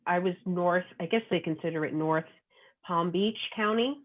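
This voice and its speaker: A woman's voice: fairly low pitch, normal speed. A woman, a guest author chatting casually in an interview, rambling with plenty of fillers. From Long Island, New York. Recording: tinny phone-like call audio.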